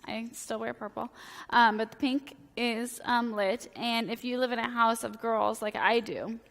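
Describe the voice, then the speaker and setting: In a church sanctuary with long reverb, a woman priest in her thirties delivers a relaxed, humorous sermon full of fillers and self-deprecation. Her hoarse voice is bright and a touch high, steady in tone and a little slow.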